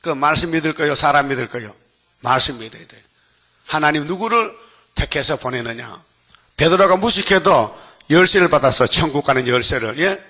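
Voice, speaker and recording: Bright-voiced man preaching a sermon. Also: a little high, expressive, brisk. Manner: preaching with rhetorical questions to the congregation; acts out biblical voices in dialogue. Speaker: pastor. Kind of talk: dawn worship sermon.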